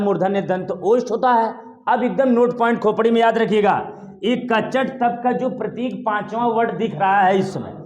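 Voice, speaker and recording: A man teaching a Hindi exam-prep lesson at a board, lively, asking his students questions over and over. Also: high-pitched, roomy sound, muffled recording. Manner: lively, repeats questions to students, calls them "dear child". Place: classroom with a board.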